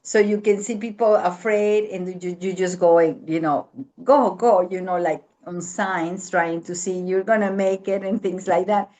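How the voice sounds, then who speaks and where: A woman telling a travel story in a casual family chat, talking in an animated, halting way with many fillers and restarts. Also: fairly low pitch, poor audio. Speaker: guest aunt.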